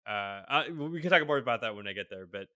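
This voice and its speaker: A man in his thirties talks through a video call from home, rambling easily with plenty of fillers and the odd self-deprecating laugh. His voice is bright and crisp, and the recording is dry and close. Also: lowish voice, animated, quick pace, dry recording. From Boston area, USA. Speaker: guest, tech CTO. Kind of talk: casual interview.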